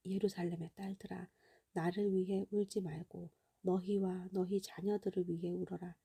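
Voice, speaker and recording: A woman reading the words of a gentle, sorrowful male teacher in a slow, half-whispered voice. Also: fairly low pitch, little pitch movement, creaky, breathy edge, full character voice.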